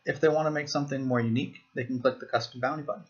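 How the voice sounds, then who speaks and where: A man giving a screen-recorded software walkthrough, explaining each step plainly. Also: medium pitch, steady tone, very fast, lo-fi sound. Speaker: software demo presenter.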